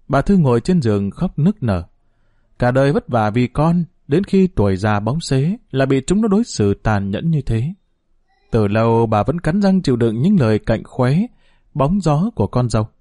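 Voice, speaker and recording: A male storyteller with a middle-pitched voice who reads a short story in a slow, somber way. The sound is dry and close, with no room sound. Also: dark tone, no room sound. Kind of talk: scripted narration of a short story.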